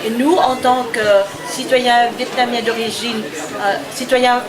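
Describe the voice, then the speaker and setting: A woman's voice: a little high, fairly even intonation, a little slow. Hesitant woman at a noisy street rally. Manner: hesitant, many fillers. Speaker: spokeswoman for an activist collective. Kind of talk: street interview. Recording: outdoor crowd noise. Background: crowd.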